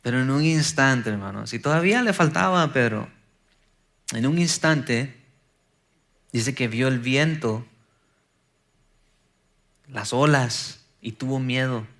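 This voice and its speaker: A man's voice: mid-range voice, slow pace, pauses often, fairly bright tone. A man preaching a sermon as pastor, building to emphatic bursts and acting out quoted prayers.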